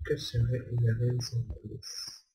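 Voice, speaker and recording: A man's voice: mid-range voice, completely flat delivery, measured pace, vocal fry, mellow, a little hiss or hum, poor audio. A young man giving rambling, hesitant commentary while playing a game, repeating himself often. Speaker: gamer. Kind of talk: casual gameplay commentary.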